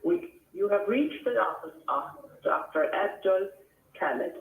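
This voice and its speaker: A man's recorded phone message plays back over a thin, tinny phone line. His voice sits a little high and he reads the office greeting in a measured, announcing way. The line has an echoey, roomy ring to it. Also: sing-song, creaky. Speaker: office answering machine greeting.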